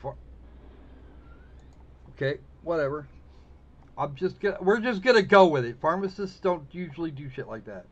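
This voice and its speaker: A husky, expressive male voice on the high side, at normal speed with frequent pauses, chats casually and sarcastically while streaming a visual novel. He often restarts sentences, and the dull lo-fi stream mic carries faint game music behind his livestream commentary.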